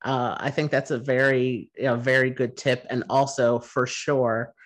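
Casual podcast host, man, plain even voice. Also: medium pitch. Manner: relaxed, halting with many fillers. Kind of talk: casual interview.

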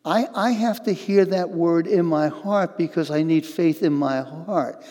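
A man's voice: a little high, dark tone, big-room sound. Earnest older male pastor preaching. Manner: earnest, halting, repeats words as he talks. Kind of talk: sermon.

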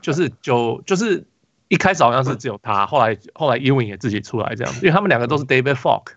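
A man's voice: mid-range voice, animated, fast, fairly bright tone, highs cut off, slight background noise. A man with a Taiwanese Mandarin accent, hosting a casual basketball podcast, telling a rambling story full of restarts and fillers. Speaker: podcast host.

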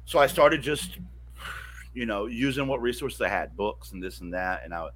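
Man, guest storyteller, frank and salty-mouthed, bright forceful tone. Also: medium pitch, animated, normal speed. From American South, mountains. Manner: candid, profane, restarts often. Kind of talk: personal storytelling in conversation.

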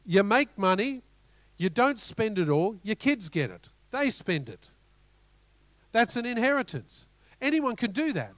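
A middle-aged Australian man preaching a sermon as pastor, animated, with rhetorical questions and storytelling asides. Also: high voice, a little slow, dry recording.

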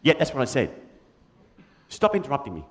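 A man's voice: medium pitch, wildly swooping pitch, brisk. A man voicing Big Red, a cheeky, toy-mad children's puppet with an Australian accent, in a church puppet show. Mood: cheeky confused. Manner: bouncy, silly, easily confused, sings.

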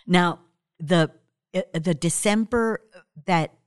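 A woman's voice: fairly low pitch, slow pace, no room sound, clean studio sound. A woman, telling the story of her life in an interview and laughing often.

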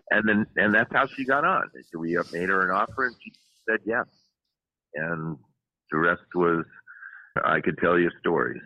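A man, a film writer and producer, telling lively anecdotes in an interview with frequent restarts. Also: sits low, measured pace, pauses often, dry recording, highs cut off. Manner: animated anecdotes, many restarts. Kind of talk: storytelling interview.

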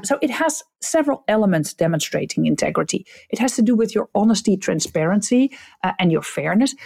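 A woman from the Netherlands, whose first language is Dutch and who speaks with a Dutch accent, hosts a solo podcast as a customer experience coach, giving leaders direct, blunt advice. Her mid-range voice is creaky, a little mellow, and slightly rough.

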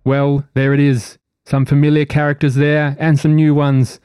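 A man narrating a sci-fi tabletop game as game master, setting scenes in a measured, descriptive way. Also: a little high, little pitch movement, dark tone, clear, resonant tone, dry recording, studio quality.

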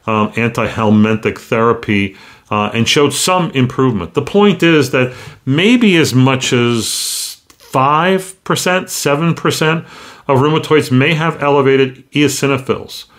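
Halting male doctor talking shop. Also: mid-range voice, a bit bright. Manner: halting, conversational, hesitant with many pauses. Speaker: physician hosting a medical show. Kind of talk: casual clinical talk.

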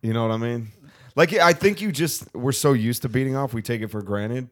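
A man from Southern California with an American accent speaks briskly in a mid-range voice. He's a podcast guest, chatting casually and candidly.

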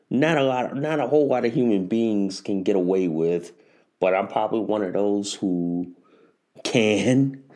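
Slow-talking man in his forties, rambling. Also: fairly low pitch, warm tone. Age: 40s. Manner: rambling and repetitive, often restarting phrases. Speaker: podcast host. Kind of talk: casual solo podcast monologue.

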